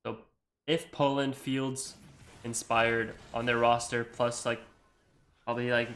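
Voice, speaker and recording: A young Icelandic man with an American accent talks casually over his gameplay as a gamer and video creator. His mid-range voice is a bit bright and flat, at a measured pace, with slight background noise, and he rambles with lots of "like" and "you know."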